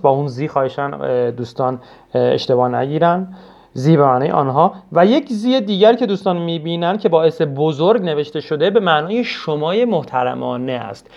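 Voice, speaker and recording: A man's voice: fairly high pitch, gravelly, a little mellow. A man from Iran teaching a spoken language lesson, patiently repeating words for learners and speaking formally and politely with many hesitation sounds. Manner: patient, repeats each word slowly for learners. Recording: dull lo-fi recording.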